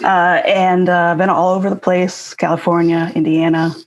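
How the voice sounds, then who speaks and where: A woman from Connecticut, a guest musician chatting casually on a live stream, hesitant with many fillers and soft laughs. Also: on the low side, little pitch movement, moderate pace.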